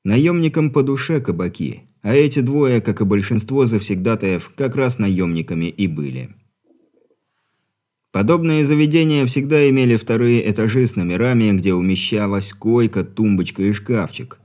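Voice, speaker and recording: A man narrating an audiobook with an even, wry storytelling manner. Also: on the low side, moderate pace. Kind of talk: scripted narration.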